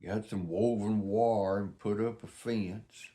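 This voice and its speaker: Older male, Southern US accent, lowish pitch, casual folksy storyteller, unpolished and rambling. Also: fairly even intonation, slow pace, warm tone. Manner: folksy, plain-spoken reminiscing. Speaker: vlogger.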